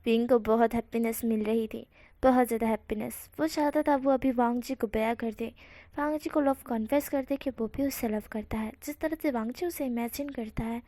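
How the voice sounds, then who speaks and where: A woman's voice: fairly high pitch, steady tone, a little fast, dark tone, dry recording. A woman casually telling a fan-fiction story, dropping English words into her narration. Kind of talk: reading fan fiction aloud.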